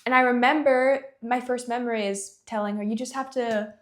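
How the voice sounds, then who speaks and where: This young singer-songwriter from Athens, Georgia has a fairly high, steady voice and talks a little fast. She's a guest in a casual interview, laughing often and leaning on "you know" as a filler.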